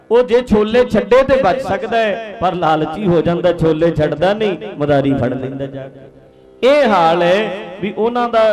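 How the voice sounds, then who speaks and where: A man with a Punjabi accent preaching a sermon, folksy and earnest, asking his listeners straight out. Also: high voice. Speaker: Sikh preacher. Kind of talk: sermon storytelling.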